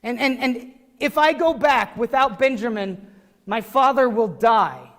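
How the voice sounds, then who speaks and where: Man, pastor, sermon, conversational, animated, church sanctuary, echoey. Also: very high voice, a little slow. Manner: conversational, animated preaching with restarts and asides.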